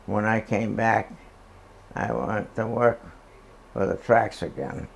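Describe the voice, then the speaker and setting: A very old man, recalling the past in a halting, hesitant oral history interview. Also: fairly low pitch, animated, vocal fry, slight background noise.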